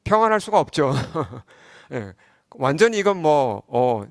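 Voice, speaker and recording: Middle-aged male pastor, conversational sermon delivery, higher-pitched voice, dry close recording. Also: sing-song, unhurried, no room sound. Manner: conversational preaching with frequent rhetorical questions to the congregation.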